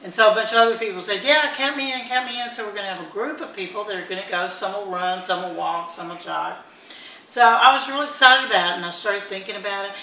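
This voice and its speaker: Woman vlogger, middle-aged, earnest and chatty, bright tone, set back from the mic in an echoey room. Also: mid-range voice, steady tone, fast talker, far from the mic. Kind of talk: casual motivational vlog.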